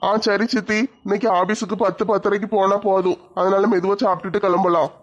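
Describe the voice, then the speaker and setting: A man's voice: high voice, level tone, a little fast. A man playing an easygoing relative in a comic skit. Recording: dull lo-fi audio.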